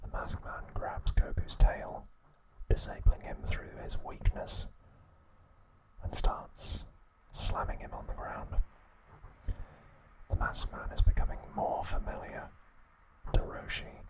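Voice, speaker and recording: The audio is rough as a man whispers an episode recap in ASMR fashion, breathy and without voice. He pauses on purpose between brief phrases.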